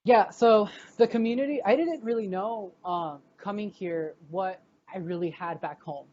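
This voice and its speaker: A woman's voice: medium pitch, moderate pace, mellow, highs cut off, a little hiss or hum. A young woman, a graduate student, chatting casually in an interview with many fillers and restarts.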